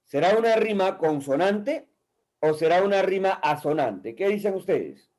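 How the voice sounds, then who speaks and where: A man's voice: high voice, lively intonation, a little mellow, low-quality recording. A man with a Peruvian Spanish accent teaching a literature class to exam students, checking in with the class after nearly every phrase. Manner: keeps asking "¿listo?" and "¿no?"; reads poetry aloud slowly. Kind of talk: online exam-prep class.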